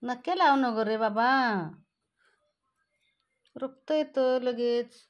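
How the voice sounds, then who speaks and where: A woman's voice: a little high, slow pace, lo-fi sound. A woman, scolding and cooing at her cats in a casual home video. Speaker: cat owner vlogger. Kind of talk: casual talk to pet cats.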